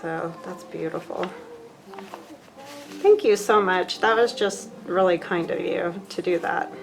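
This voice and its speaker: A woman's voice: on the low side, a little slow, creaky, faint music behind, rough recording. Chatty woman gushing over craft mail. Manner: chatty and gushing, with many fillers; thinks aloud while handling craft supplies. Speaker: craft vlogger. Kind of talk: casual unboxing chat.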